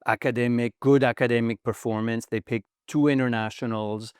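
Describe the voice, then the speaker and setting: A middle-aged man with a slight French accent, speaking in measured, hesitant phrases as a guest in an interview conversation. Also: mid-range voice, steady tone, darkish tone, clean tone, no echo, studio quality. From France. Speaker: podcast guest, investment fund founder.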